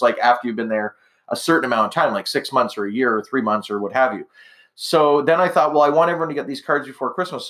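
A middle-aged man talks as a solo podcast host in a casual, blog-like way. His voice is mid-pitched, and he rambles through chatty asides and self-corrections. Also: a bit bright.

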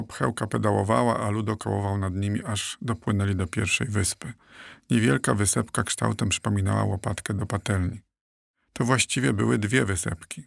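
A man narrates a children's storybook with steady, clear delivery. His voice is low and deeply gravelly, recorded close and completely dry. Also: no room sound. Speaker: audiobook narrator.

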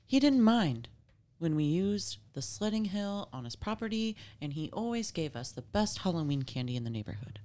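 A woman's voice: on the low side, very animated, moderate pace, mellow. A woman casually reading a scary story aloud, with playful, informal asides. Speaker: story reader.

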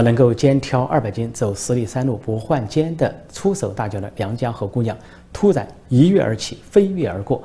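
A male commentary host tells a satirical joke as a measured, steady story. His voice is mid-pitched, with a dark, mellow tone.

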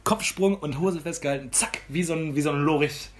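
A man's voice: a little high, a little fast. A man, co-hosting a casual chat and telling rambling, slangy stories with many restarts. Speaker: podcast co-host.

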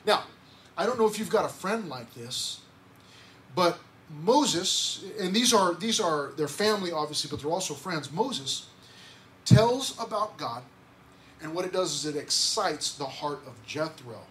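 Male pastor, high voice, easygoing sermon with restarts, faint hiss behind. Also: lively intonation, measured pace, a bit bright. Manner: conversational, repeats words, asks the congregation questions. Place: church sanctuary.

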